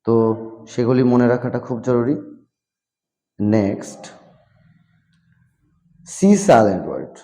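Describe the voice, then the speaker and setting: A man teaching English vocabulary in a slow classroom style, repeating each word and its meaning and slipping into English phrases. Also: medium pitch, dark tone. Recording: long hall reverb.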